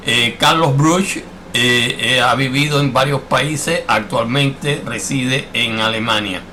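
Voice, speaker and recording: A man's voice: mid-range voice, takes it slowly, bright, forceful tone, slight background noise. A man hosting a radio interview, chatty and friendly, with lots of filler words. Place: Miami.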